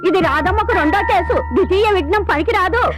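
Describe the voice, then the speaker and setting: Teasing young woman lawyer, high voice, faint music behind. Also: expressive. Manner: teasing, quick-witted. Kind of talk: film dialogue.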